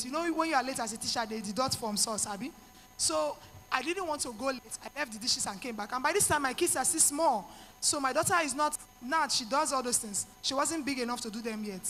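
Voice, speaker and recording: Bright-voiced Nigerian woman preaching. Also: sits high, long reverb tail. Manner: earnest, preachy, mixes in pidgin asides. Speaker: speaker to women. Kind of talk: motivational talk.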